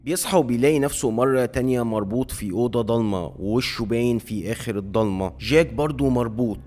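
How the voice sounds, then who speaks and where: A man's voice: mid-range voice, fast, darkish tone. A man with an Egyptian accent narrating a comic story in a dramatic, emotive way. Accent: Egyptian Arabic.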